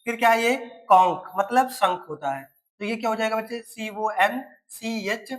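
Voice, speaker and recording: A man's voice: sits high, brisk, a bit bright, poor audio. Male teacher quizzing his pupils. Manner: keeps quizzing students, spells words letter by letter. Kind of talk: recorded classroom lesson.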